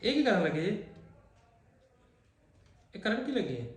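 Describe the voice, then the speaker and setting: A man's voice: very animated, a little slow. A young man with a Punjabi accent, teasing his mother in a family prank vlog. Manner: teasing, swings between loud and low. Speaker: vlogger son. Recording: echoey room.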